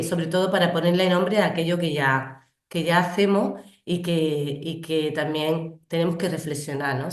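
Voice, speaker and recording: A woman with a cold gives an online training presentation. She speaks slowly and deliberately in a very low voice. The recording sounds echoey, as if made in a bare room. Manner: slow, deliberate delivery. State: has a cold. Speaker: local project speaker.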